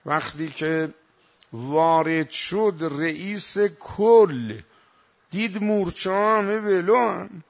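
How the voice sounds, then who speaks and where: A man giving a religious sermon, moving between quiet asides and loud, emphatic recitation. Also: fairly high pitch. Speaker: preacher. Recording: dull lo-fi recording.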